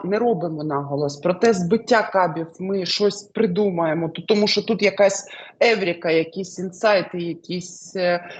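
Woman tarot reader, husky tone, halting delivery with fillers, answering an interviewer. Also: lowish voice. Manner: hesitant, many fillers, lively rises. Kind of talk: interview answers, fortune-telling.

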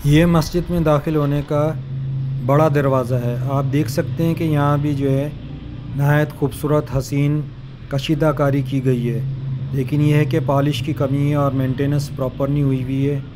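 A man's voice: a little high, flat delivery, moderate pace, noisy background. Admiring man narrating a travel vlog. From Pakistan. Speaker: travel vlogger.

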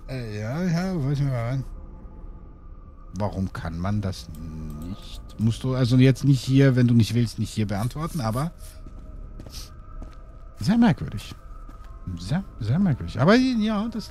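A man's voice: mid-range voice, sing-song, unhurried, warm tone, soft background music. A man hosting a horror game let's play, chatting playfully and rambling to his viewers and chat. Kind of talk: casual gameplay commentary.

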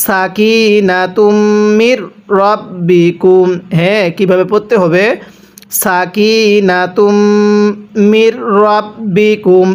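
A man from Bangladesh teaching Quran recitation step by step. He draws out each syllable slowly, explains quickly in between, and keeps asking and answering his own questions. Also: high-pitched.

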